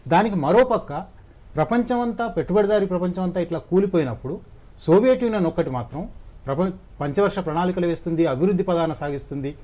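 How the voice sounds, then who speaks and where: A man with a slightly high voice, speaking as a guest scholar in a discussion. He lays out his explanation in a measured, lecturing way, one point after another. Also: expressive, dark tone.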